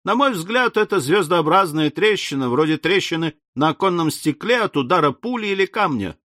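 A male audiobook narrator voicing an excitable, cheeky adult male traveler who is quick to argue. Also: fairly high pitch, no echo, clean studio sound, voice pushed up. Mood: eager. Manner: brash, eager, quick to argue. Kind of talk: audiobook character reading.

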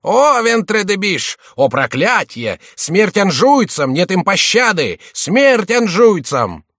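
A man voicing a jeering, sharp-tongued male court jester in an audiobook, mocking and shrill. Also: animated, normal speed, no echo, clean studio sound. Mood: raging.

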